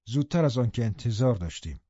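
A man narrating an audiobook in a steady storytelling manner. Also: medium pitch, husky, no room sound. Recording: dull, dry studio recording.

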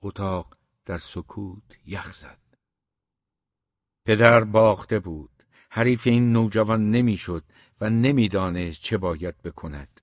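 Guy reading an audiobook, deep-ish voice, serious, kinda dull dry audio. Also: dry recording. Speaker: narrator. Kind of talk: audiobook narration.

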